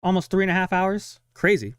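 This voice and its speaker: A man's voice: high voice, expressive, clean tone, no echo, studio quality. A young man chatting casually on a live stream while following a game, talking to himself and his viewers. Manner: chatty, self-talking, sighs of frustration and quick laughs.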